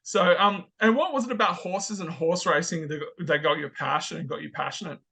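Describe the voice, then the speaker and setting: A man hosts an interview show, upbeat and affirming as he leads his guest. His voice is bright and crisp, pitched a little high for a man. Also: fairly quick. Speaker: podcast host. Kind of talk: interview hosting.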